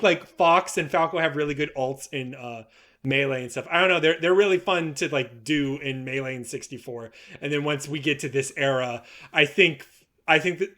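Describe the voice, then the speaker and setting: Bright, upbeat young-sounding man chatting. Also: fairly high pitch. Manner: loose, joking, trails off often. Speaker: podcast co-host. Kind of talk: casual chat about video game characters.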